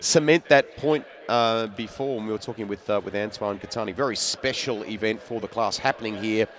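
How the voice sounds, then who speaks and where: A man commentating a motor race broadcast in a relaxed, chatty way. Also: lowish voice, brisk. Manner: relaxed, chatty wrap-up with fillers.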